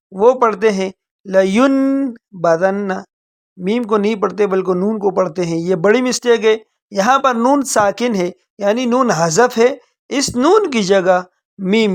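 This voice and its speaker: Male Quran teacher giving a tajweed lesson: brisk explanations, very slow drawn-out recitation. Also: high-pitched. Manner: draws out recited words very slowly between brisk explanations.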